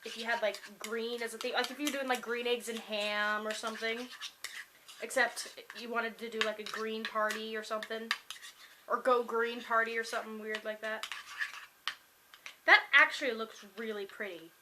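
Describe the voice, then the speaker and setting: A woman's voice: on the high side, fairly even intonation, normal speed, noisy background. A young woman vlogging casually at home, rambling upbeat with many fillers as she taste-tests food. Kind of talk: casual chatty vlog. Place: home kitchen.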